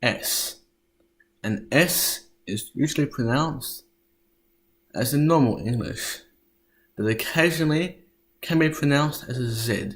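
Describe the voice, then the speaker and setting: A history lesson is presented by a man reading from a script in a medium-pitched voice. He spells out sounds carefully and occasionally trips over his words.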